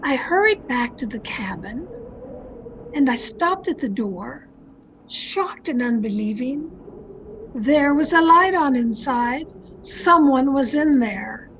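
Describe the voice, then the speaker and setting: Performing an online radio play, the actress speaks in an exaggerated, high, expressive voice as a secretive woman confessing her crime, old-time mystery fashion. Brooding tension and suspenseful, deliberate drama mark the delivery, recorded over a noisy home video call.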